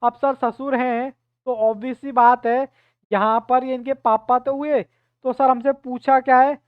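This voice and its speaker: A man's voice: extremely high pitch, level tone, measured pace, clear, resonant tone, no echo. A male teacher giving an online reasoning class, explaining step by step and keeping at his students to answer. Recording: tinny phone-like dry sound.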